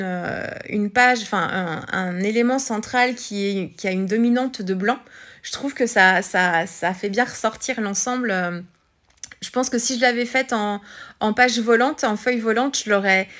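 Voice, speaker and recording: A woman's voice: on the high side, a bit bright. A woman chatting through a scrapbooking tutorial voice-over, hesitant with many fillers and restarts. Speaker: scrapbooking vlogger. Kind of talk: casual craft tutorial voice-over.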